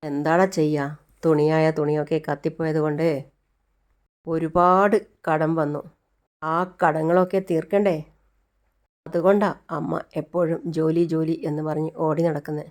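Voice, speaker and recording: A woman's voice: deep voice, little pitch movement, a little slow, long pauses, a little mellow. A woman voicing a loving, hard-working young mother in a retold serial, speaking in a soothing, reassuring way.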